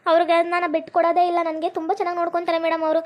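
A wronged wife, played by a woman, pleading and whining in a very high voice. Her North Karnataka Kannada accent rushes along quickly. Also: monotone.

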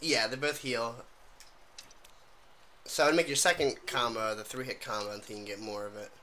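A man's voice: mid-range voice, fairly even intonation, moderate pace, pushed and bright. A man coaching a friend through a video game with casual, teasing, swearing commentary. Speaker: co-host giving tips. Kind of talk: casual let's play chat. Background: game music.

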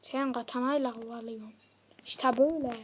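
A woman giving casual let's-play commentary as a gaming YouTuber, chatting straight to her viewers and getting frustrated quickly. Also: a little high, fairly even intonation, a little hiss or hum.

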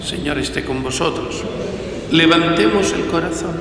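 A priest, preaching and praying at Mass in an earnest, measured way, heard in a cathedral echo. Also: male voice, fairly high pitch, crowd noise. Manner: earnest, measured preaching with emphatic slow phrases. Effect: cathedral echo, long church reverb. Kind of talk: homily and liturgical prayers. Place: large church. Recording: echoey church with long reverb, faint noise.

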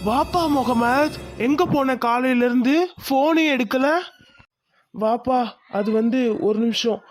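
A man's voice: extremely high pitch, steady tone, slow pace, faint music behind. A man voicing an earnest young cartoon son. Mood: nervous. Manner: earnest, eager. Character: young son, nervous then grateful.

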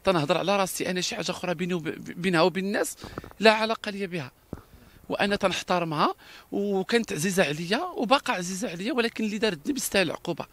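A man's voice: high-pitched, rapid-fire, a bit bright. A man with a Moroccan Darija accent, speaking in an interview with emphatic, repetitive talk and frequent restarts.

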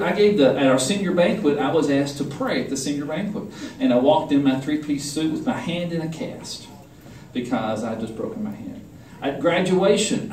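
Middle-aged male conference speaker, animated testimony, slightly high voice, roomy hall sound with the mic set back. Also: recorded from a distance, a little hiss or hum. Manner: animated storytelling, acting out the quotes. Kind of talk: personal testimony sermon.

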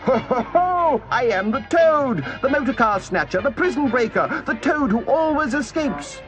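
A man reading a story aloud and voicing a boastful, reckless male toad disguised as a washerwoman, in a high squeaky voice. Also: very animated, moderate pace, over music.

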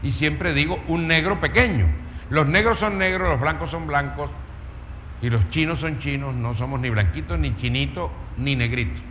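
Telling a story in a public talk, a man with an accent from Colombia's Caribbean coast, a speaker and writer, is emphatic and rhetorical, piling up lists and questions. His voice is on the high side and fairly bright, at normal speed. The hall sounds dull and reverberant, with faint noise.

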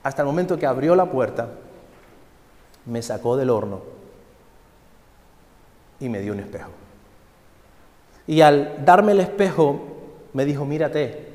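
A man's voice: mid-range voice, lively intonation, measured pace, long pauses, darkish tone, pitched below the performer's own voice, natural voice. A man voicing a talking clay cup, female and pleading, crying out for the pain to stop. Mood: weary. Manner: wailing cries for it to stop. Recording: echoey hall.

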